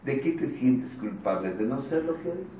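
A man's voice: mid-range voice, expressive, normal speed, mellow. A man with a Mexican accent giving an informal, joking motivational talk to a support group, speaking bluntly and swearing casually. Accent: Mexican Spanish. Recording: roomy, distant mic, faint noise.

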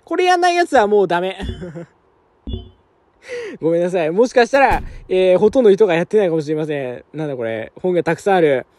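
A young man doing casual let's-play commentary at home, talking roughly to himself and his viewers with quick chuckles. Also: sits high, big pitch swings, darkish tone, a little hiss or hum. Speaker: game streamer. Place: apartment room at night, keeping his voice down.

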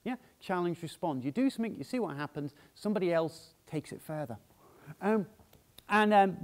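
Guy with a high-ish voice doing a casual conference talk on stage, keeps going "yeah?" at the room. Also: darkish tone. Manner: chatty, asks "yeah?" to the audience often. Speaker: conference speaker. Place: large dim conference hall, on stage.

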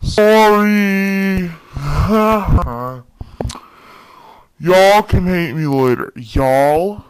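A man's voice: sits high, extremely slow, long pauses, smooth. A man in casual chat, drawling and playful.

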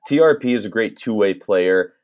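A man with a Minnesotan accent talks over a casual sports podcast. His voice sits on the low side. He thinks out loud, circling back through restarts and fillers before he lands his point. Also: animated, normal speed. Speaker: podcast co-host.

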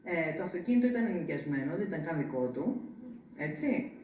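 Woman, interviewed mother, animated low-toned telling, roomy distant sound. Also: slight background noise. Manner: tense retelling with shifting pitch and hesitations. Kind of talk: emotional recounting interview. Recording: echoey, distant mic.

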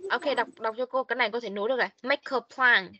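A woman teaching an online English class over a video call, coaching and correcting her pupils quickly. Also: on the high side, steady tone, fairly bright tone, dry recording. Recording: dull online meeting audio.

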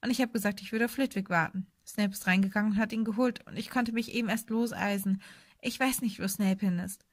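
A woman's voice: mid-range voice, fairly quick, dry recording, studio quality, close to an everyday voice. A woman voicing an earnest, worried schoolgirl who speaks anxiously. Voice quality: anxious, apologetic.

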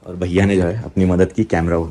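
This enthusiastic young travel vlogger mixes English with Hindi as he records by a river and in a small round boat, holding the camera himself. His voice is low-pitched and brisk.

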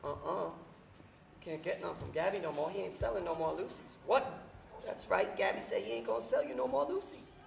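An actor playing a streetwise homeless man nearing fifty in a stage play, with a gravelly, slangy, rambling delivery. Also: sits high, a little fast. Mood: scolding, firm. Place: theater stage. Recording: echoey theater stage, faint noise.

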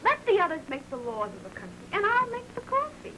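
Young working-class American woman, playful, slangy, very animated, early film acting, noisy soundtrack. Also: very high voice, fairly quick, heavily acted. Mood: playful, chatty. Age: young adult. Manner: slangy, chatty.

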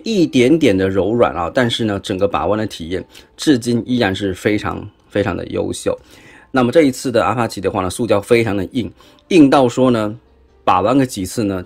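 Reviewing a toy hands-on at a tabletop indoors, this Taiwanese-accented man keeps things casual and chatty, often posing rhetorical questions. His voice is lowish and a little rough.

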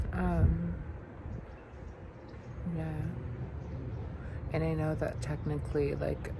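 A young woman in her twenties, her voice low and creaky, chats casually in a vlog filmed on a phone at arm's length, leaning heavily on "like" and "um." The setting shifts from her home kitchen to an outdoor rooftop terrace, with ambient noise in the background.

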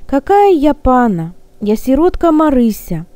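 A woman's voice: sits high, sing-song, unhurried, warm tone, no room sound. A tearful little orphan girl, as a woman reads her. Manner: pleading, tearful.

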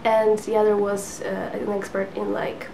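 This woman in her twenties, Polish by first language, is a book vlogger chatting casually from her couch in a lamp-lit living room to a camera in front of her at sitting distance, with many fillers and little laughs. Her medium-pitched voice is monotone, gravelly and mellow at a normal speed. The low-quality recording has a little hiss or hum.

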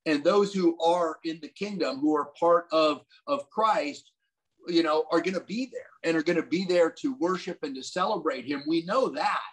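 An older man with a voice on the high side speaks at a moderate pace over a webcam from a room at home. Co-hosting a casual video call about Bible prophecy, he muses thoughtfully through ideas, often restarting. The recording quality is low.

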